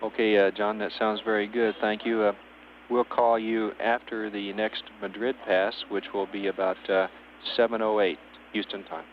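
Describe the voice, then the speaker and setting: A man's voice: on the low side, little pitch movement, moderate pace. A man working as a spacecraft communicator, speaking in clipped, procedural phrases over a radio link. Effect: radio transmission. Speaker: mission control spacecraft communicator. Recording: dull narrowband radio, faint hiss and hum.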